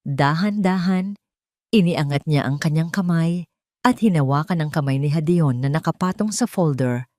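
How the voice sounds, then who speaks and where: Reading a dramatic scripted tale as a storyteller, a woman with a Filipino accent uses a low voice with a dark tone. The audio is studio quality with no room sound.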